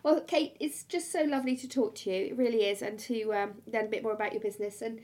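A woman hosting a casual food podcast interview, playful and teasing, sometimes dropping her voice low for effect. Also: fast talker, warm tone, faint music behind. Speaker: podcast host.

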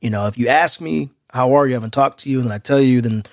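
A man's voice: mid-range voice, quick pace, no room sound, studio quality. Casual, slangy man chatting on a podcast. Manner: outgoing. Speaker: podcast co-host.

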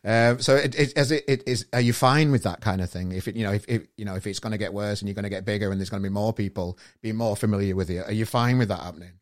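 A man's voice: fairly low pitch, quick pace, hardly any pauses. A man hosting a podcast in casual chat, rambling and stumbling over his questions. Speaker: podcast host.

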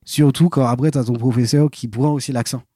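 A man's voice: medium pitch, fairly even intonation, fairly quick, warm tone, slightly rough, no echo, studio quality. A man in his twenties, a podcast guest, telling stories casually with lots of hesitations and restarts. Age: 20s. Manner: hesitant, full of fillers and restarts. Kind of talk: casual interview storytelling.

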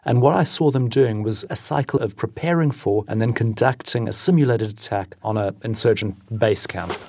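A man, an Africa editor, explaining in a measured way what he saw on a reporting trip, in a news podcast interview. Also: fairly low pitch, gravelly, a little mellow, no echo, studio quality.

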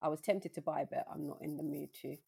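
A woman co-hosting a podcast, expressive and playful in casual chat. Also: deep voice, fast talker, vocal fry, crowd noise. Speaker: podcast co-host.

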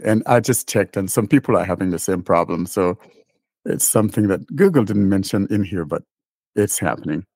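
A man hosting a casual tech podcast, talking in a relaxed, rambling way with dry, sarcastic humor. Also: lowish voice, no room sound. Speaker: podcast host.

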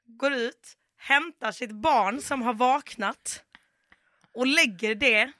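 Very bright-voiced woman telling a story. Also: a little high, no room sound, clean studio sound. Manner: animated storyteller, acts out quoted dialogue. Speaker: podcast guest. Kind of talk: casual anecdote telling.

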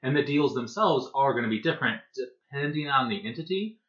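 A man's voice: medium pitch, animated, a little fast, fairly bright tone, dull audio. A man who hosts and voices a podcast, answering questions in a rambling, filler-heavy casual way. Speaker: podcast creator and voice actor. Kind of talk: casual panel chat.

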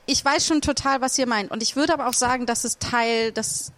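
A woman's voice: fairly high pitch, brisk, a bit bright. A woman in a casual podcast discussion, thinking aloud with many fillers and restarts.

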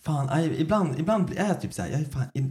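A man co-hosting a podcast, chatting casually and telling stories with lively acted-out quotes. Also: fairly high pitch. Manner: animated storytelling, acts out quoted voices. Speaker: podcast co-host. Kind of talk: casual chat.

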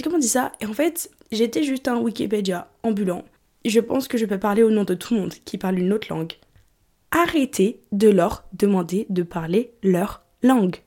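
A young woman from England talks candidly in a conversational personal monologue. She slides between French and English mid-sentence. Her voice is warm and mellow at a middle pitch. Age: 20s. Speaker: vlogger.

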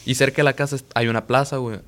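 A man's voice: medium pitch, steady tone, very fast, a bit bright. Slangy young Mexican man telling a story. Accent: Mexican Spanish. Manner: slangy, profane, rambling, quotes himself and others. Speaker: podcast co-host. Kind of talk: casual storytelling chat.

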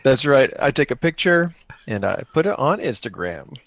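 A man's mid-range, slightly bright voice is very animated at a normal speed as he hosts and plays an improvised solo-engine tabletop game. In casual chat, he reasons aloud, posing questions that he then answers.

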